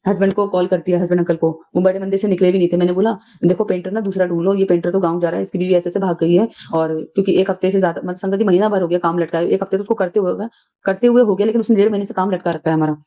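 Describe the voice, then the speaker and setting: Fast-talking woman telling a devotional story. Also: lowish voice, steady tone, warm tone. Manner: chatty storytelling, addresses listeners as sangat ji, many fillers and restarts. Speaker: devotee sharing a testimony. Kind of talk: casual devotional testimony. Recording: dull lo-fi recording.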